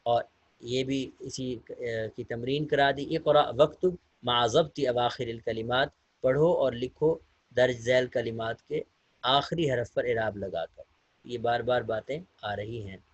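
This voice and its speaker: A man's voice: medium pitch, unhurried, breathy edge, dry recording, dull audio. A male teacher giving a recorded Arabic lesson. He reads short Arabic sentences aloud, then translates and explains each one step by step, patiently addressing his students. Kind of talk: recorded online lecture.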